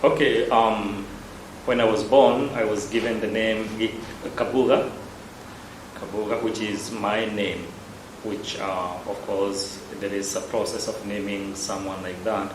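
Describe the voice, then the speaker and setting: A man from Kenya with a Kenyan accent, a parish priest answering interview questions in a measured, hesitant way. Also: lowish voice, steady tone, background noise. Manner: measured, unhurried, with frequent hesitations. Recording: roomy echo with loud background ambience.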